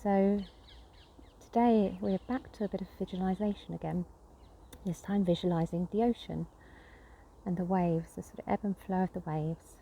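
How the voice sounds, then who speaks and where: A woman guiding a nature breathing meditation, speaking gently and unhurriedly with pauses between phrases. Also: lowish voice, steady tone, creaky, a little hiss or hum. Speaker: nature connection guide.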